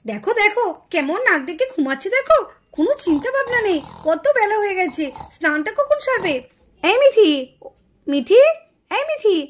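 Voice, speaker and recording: A woman voicing an impatient, bossy mother doll in a puppet cartoon, scolding loudly and insisting. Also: very high-pitched, very animated, brisk. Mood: coaxing.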